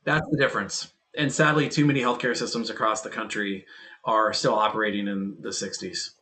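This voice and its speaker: A man's voice: fairly low pitch, steady tone, fairly quick, pushed and bright. Emphatic man with a punchy, repetitive delivery. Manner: emphatic, repeats key phrases, acts out quoted dialogue. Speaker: guest, healthcare and private equity tech leader. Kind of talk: casual podcast conversation.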